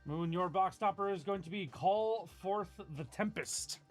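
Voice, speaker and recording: A man hosting a live card-opening stream, reading out each pull and adding quick upbeat comments. His voice sits a little high for a man. Faint music runs underneath. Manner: upbeat, announcing pulls and names. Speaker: card break host opening packs.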